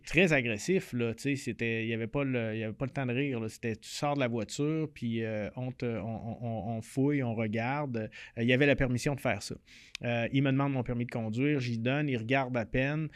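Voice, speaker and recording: A man's voice: mid-range voice, no echo, clean studio sound. A man with a Québécois accent, casually telling a personal anecdote in a chatty way, full of "tu sais" fillers. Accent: Québécois French. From Quebec. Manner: conversational, with frequent "tu sais" and "fait que" fillers. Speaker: storyteller.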